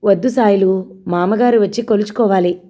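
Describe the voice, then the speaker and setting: A woman voicing a polite, harried young village housewife with soft, quick replies. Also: medium pitch, lightly acted.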